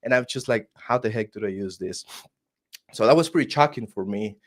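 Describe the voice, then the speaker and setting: A Costa Rican man with a fairly low, brisk voice and a Costa Rican Spanish accent appears as a guest on a video call. He tells his story earnestly in a casual interview, frequently restarting his words.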